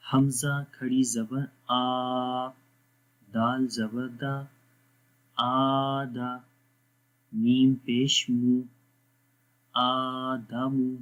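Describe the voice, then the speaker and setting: A man teaching Quran letter pronunciation, spelling out syllables one by one and stretching the vowels, then explaining the rules in quicker asides. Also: medium pitch, darkish tone. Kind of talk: slow spelling-out lesson. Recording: dull lo-fi sound.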